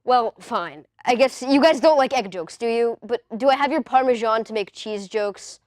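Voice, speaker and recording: A woman's voice: a little high, moderate pace, a little mellow, no room sound, studio quality, close to an everyday voice. A woman playing a flustered male pun comic. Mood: awkward joking. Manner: flustered, pun-heavy, needy for laughs. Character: awkward young male stand-up comic. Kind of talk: comedy sketch.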